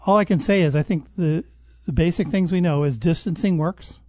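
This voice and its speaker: A man speaking as a guest expert in a conversational interview, explaining at length in a measured way and often restarting his sentences. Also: on the high side, warm tone, dry recording. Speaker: guest expert on public health.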